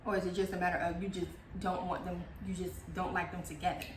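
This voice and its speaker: A woman co-hosting a casual TV recap chat, animated and slangy, laughing often. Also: fairly low pitch, fast talker, noisy background. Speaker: co-host. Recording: echoey room.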